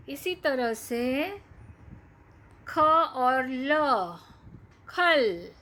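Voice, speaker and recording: A woman teacher giving a children's reading lesson, stretching out each word slowly and asking the class to repeat. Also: high voice. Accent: Hindi. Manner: slow, drawn-out word-by-word reading with repeated questions. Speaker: primary school teacher.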